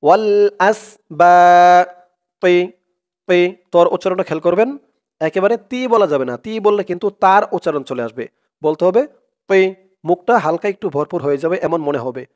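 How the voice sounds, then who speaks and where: A man teaching Quran reading, slowly spelling out each syllable and then reciting the verse melodically. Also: high voice.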